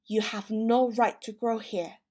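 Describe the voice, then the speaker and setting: A woman's voice: on the high side, fairly even intonation, a little slow, dark tone, close to an everyday voice. A woman voicing a grumpy, sleepy male dormouse in a storybook reading, complaining.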